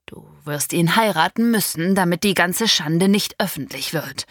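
A woman voicing a domineering middle-aged father who shouts and threatens in harsh bursts, in an audiobook reading. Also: fairly low pitch, lively intonation, moderate pace, no echo, clean studio sound. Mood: menacing.

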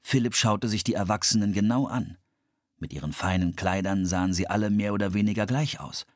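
A man reading a children's audiobook with lively storytelling. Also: fairly low pitch, a little fast, no room sound, studio quality. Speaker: narrator.

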